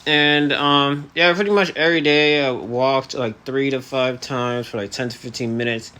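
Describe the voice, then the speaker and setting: A man's voice: medium pitch, fairly even intonation, normal speed, sharp tone, clean tone. Young man with slightly restricted articulation. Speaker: vlogger. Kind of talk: personal vlog monologue to camera.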